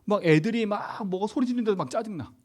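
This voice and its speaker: Animated Korean pastor preaching. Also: male voice, sits high, fast. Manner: animated and conversational, with rhetorical questions. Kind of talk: sermon.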